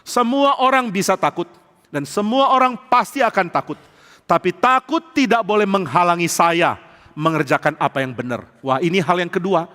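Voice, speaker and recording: This male pastor speaks high and bright, with a pushed quality, lively intonation and a moderate pace. He preaches in a big church hall, where the reverb hangs long, spinning humorous tales and performing each quote.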